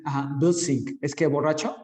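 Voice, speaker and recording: A man practicing English as a student, slowly and carefully repeating words after his teacher. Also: on the high side, fairly even intonation, warm tone, long reverb tail. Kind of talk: online speaking lesson.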